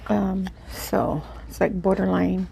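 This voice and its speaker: A woman hosting an eat-with-me video, chatting casually in an unhurried, halting way as she thinks aloud. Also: mid-range voice, flat delivery, gravelly, mellow. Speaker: mukbang video host. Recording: faint background noise.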